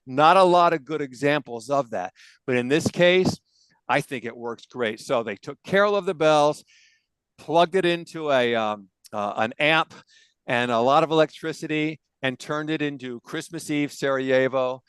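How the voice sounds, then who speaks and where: A man's voice: on the high side, normal speed, fairly bright tone, clear, resonant tone, no echo, rough recording. A man hosting a casual music debate show, opinionated and enthusiastic as he tells stories. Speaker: podcast host. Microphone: on camera, video call.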